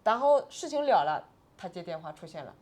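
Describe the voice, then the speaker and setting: A woman's voice: lowish voice, very animated, fairly quick, darkish tone. A woman in her forties, an interview guest, telling a painful personal story with agitated, tearful swings between subdued and raised voice.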